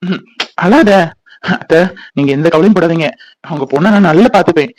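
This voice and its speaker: A man's voice: a little high, dry recording, close to an everyday voice, poor audio. A man playing a young husband who coaxes his mother and reassures his new in-laws. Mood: reassuring. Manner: pleading, coaxing, quick.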